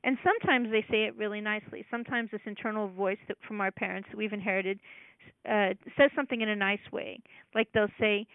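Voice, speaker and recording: A woman's voice: mid-range voice, steady tone, a little fast, no echo. A woman presenting a casual talk, explaining ideas conversationally and acting out parent and child voices in quotes. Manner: conversational, with many fillers and restarts. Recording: dry, tinny phone-like audio.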